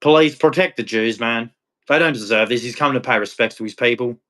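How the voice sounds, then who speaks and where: This man, an Australian live streamer, has a medium-pitched, fairly bright voice and talks a little fast. He rants bluntly and confrontationally to his chat before a preachy religious sign-off.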